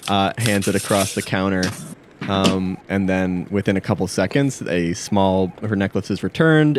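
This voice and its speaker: A man's voice: sits low, darkish tone, slight background noise. A man narrating a tabletop game as game master, hesitant, with many fillers and restarts.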